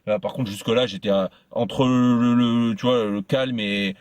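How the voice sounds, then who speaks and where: A man's voice: mid-range voice, fairly even intonation, measured pace, a little mellow, clean tone, no room sound. A man telling a personal story in casual chat, stumbling and repeating himself often. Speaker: podcast host.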